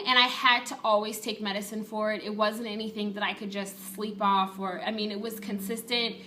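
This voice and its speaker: A woman's voice: mid-range voice, bright, forceful tone, slight background noise. A woman vlogger giving a casual, chatty and candid personal update to her viewers.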